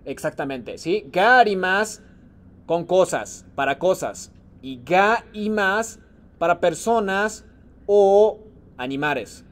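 A man leads a Japanese class with a patient, encouraging manner. His voice sits a little high. He calls on students one by one and mixes Japanese phrases into his explanations. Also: lively intonation, takes it slowly, a bit bright. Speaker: Japanese teacher. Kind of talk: online class lesson.

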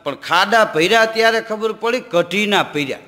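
A man's voice: high-pitched, moderate pace, bright, forceful tone. A man telling comic stories and reciting verse on stage. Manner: jokey anecdotes with quoted dialogue and recited verse. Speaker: folk comedian and storyteller. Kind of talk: stage comic storytelling to a live audience. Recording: live stage recording with long hall reverb. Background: audience laughter.

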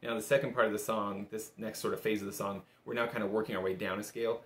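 A young man with a fairly low, steady voice gives a casual bagpipe lesson at a quick pace, sounding encouraging, easygoing and conversational. He sits at a table in a small indoor room, and the recording carries a roomy echo.

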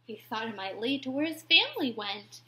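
A woman reading a rhyming children's story aloud, expressive and dropping to whispers at tense moments. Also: on the high side, brisk. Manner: expressive, drops to whispers for suspense.

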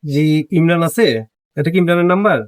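A man's voice: on the high side, fairly quick, no echo, clean studio sound. A man, hosting an informal lucky draw and speaking to winners. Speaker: host of a salon lucky draw. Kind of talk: informal prize-draw announcing and phone calls to winners.

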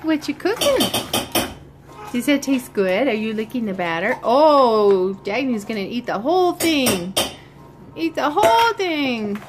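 An older woman speaks in a soft, coaxing way to small children as she films in a home kitchen. Her speech is unhurried and a little high. Dishes and pans clatter clearly through the camera mic. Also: sing-song, very noisy. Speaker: grandmother filming. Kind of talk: casual family chat behind the camera. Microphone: handheld camera mic.

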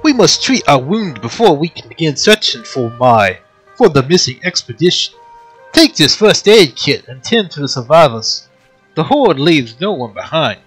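A man doing a gruff, booming male quest giver with a put-on Bronx accent, barking orders in a lively, swinging voice as in a video game. Faint game music plays behind. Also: normal speed, full character voice, low-quality recording. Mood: commanding.

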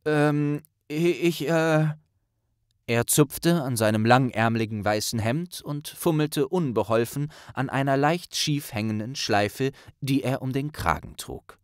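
A man's voice: medium pitch, measured pace, smooth, no echo, studio quality, close to an everyday voice. A man voicing a shy, awkward teenage wizard who stammers. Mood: flustered. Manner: stammering and flustered.

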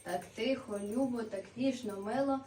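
A woman's voice: fairly high pitch, moderate pace, mellow, natural voice. Devout nativity-play pilgrim played by a woman, mid-range voice reciting verse in a roomy, noisy recording. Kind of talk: Christmas nativity folk play. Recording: echoey room, distant mic, clear noise.

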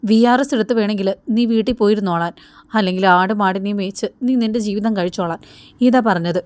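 A woman's voice: mid-range voice, fast talker, darkish tone, no echo, natural voice. A woman voicing a worried older uncle who earnestly pleads with his nephew. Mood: pleading.

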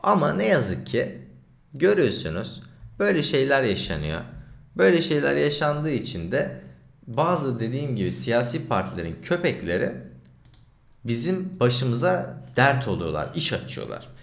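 A man streaming as a journalist, talking over a clip in an indignant, animated way. His pitch swings widely from high to low. The room around him rings with a noticeable echo. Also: moderate pace, creaky. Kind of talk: livestream commentary over a video clip.

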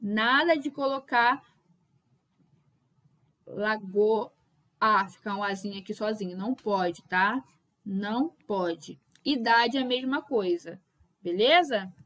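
A young adult woman teaches Portuguese grammar at a whiteboard, explaining patiently and checking in with her students again and again. She calls out example words loudly to show where the stress falls. Her voice is mid-range, and she takes it slowly with frequent pauses.

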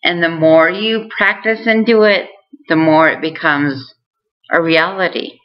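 Slow, low-voiced woman on a muffled recording. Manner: earnest and encouraging toward viewers. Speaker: vlogger sharing recovery tips. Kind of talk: casual direct-to-camera talk.

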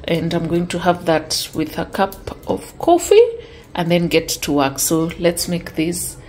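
Filming indoors with a handheld camera, moving between her home kitchen and dressing room, a young woman talks to her vlog audience in a relaxed, chatty way, addressing them as "guys." She speaks at a measured pace in a fairly low voice, with a bit of hiss or hum on the audio.

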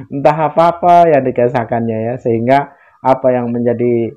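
A man's voice: medium pitch, steady tone, a little slow, mellow. Mocking male host with a lo-fi sound. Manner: mocking, laughs between phrases. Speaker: channel host. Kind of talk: commentary to camera. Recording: dull lo-fi sound.

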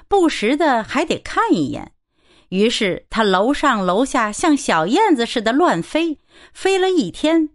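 A woman narrating a novel for an audiobook in a lively storytelling manner. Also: fairly high pitch.

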